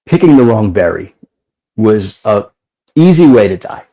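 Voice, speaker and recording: A middle-aged meditation teacher counts breaths in a slow, steady, calm way. His voice sits very low with a husky, gravelly edge. The recording is dry and close. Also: highs cut off. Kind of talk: guided meditation and talk.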